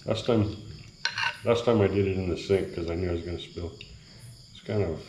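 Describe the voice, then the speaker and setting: Crickets chirp at night as a middle-aged man makes coffee in a small, bare cement-walled kitchen, chatting to viewers in a rambling, easygoing cooking vlog. He speaks briskly in a low voice, and the room sounds echoey with faint background noise.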